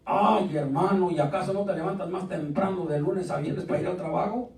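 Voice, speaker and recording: A man preaching a lively, joking sermon as pastor, calling out questions to his congregation. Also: sits high, a little fast. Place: church sanctuary. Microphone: distant from the mic. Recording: echoey church recorded from a distance.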